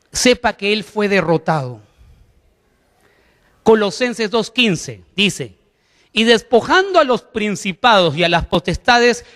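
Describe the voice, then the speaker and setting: A man's voice: sits high, fairly bright tone, big-room sound. A man preaching a sermon as pastor, emphatic, putting questions to the congregation.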